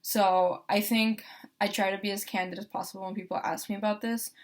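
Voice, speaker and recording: A woman's voice: mid-range voice, level tone, fairly quick. A young woman from Costa Rica, a law student, talking casually about her experience with lots of fillers and restarts. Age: young adult. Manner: chatty, frequent fillers and restarts. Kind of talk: casual first-person testimonial.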